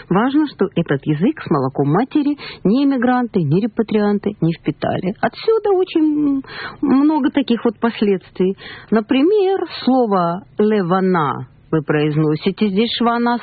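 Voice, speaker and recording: A woman teaching a language lesson on the radio, patiently explaining and slowly repeating words. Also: mid-range voice, dry recording. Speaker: Hebrew teacher. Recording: tinny phone-like radio broadcast.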